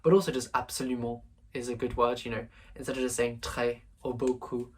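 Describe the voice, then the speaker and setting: A man's voice: medium pitch, flat delivery, a little fast, a little hiss or hum. Hesitant young man tutoring. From England. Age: late teens. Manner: thinking aloud, hesitant with many fillers. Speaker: language tutor. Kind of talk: screen-recorded exam walkthrough.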